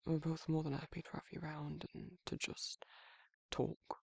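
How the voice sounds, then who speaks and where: In a close, very dry intimate ASMR romantic roleplay, a man with a British accent murmurs as a protective werewolf, sounding hesitant and caring. His voice sits a little high for a man but is husky, gravelly and breathy with heavy crackling fry, and his heavily acted, halting delivery is tender, shy and self-correcting. There is little pitch movement and no room sound.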